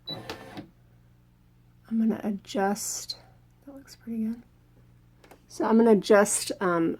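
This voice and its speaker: Woman, craft tutorial host, slight gravel and fry, has a cold and sounds a bit breathless, casual and full of ums while working. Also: medium pitch, a little mellow, slight background noise. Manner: chatty, many ums, talks while working the machine. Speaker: embroidery channel host.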